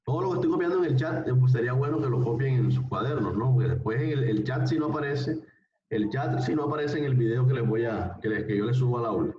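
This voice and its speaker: A man's voice: mid-range voice, lively intonation, fast. A male language teacher giving a live online class, speaking patiently, repeating phrases and often checking that students follow. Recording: roomy, distant, dull online-call recording.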